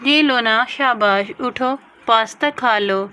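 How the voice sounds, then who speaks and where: A woman puts on a young mother doll who coaxes and gently scolds her child. The voice is high and bright and unhurried. It is a homemade doll-play story. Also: smooth. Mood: coaxing. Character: fussing young mother doll, patient and coaxing.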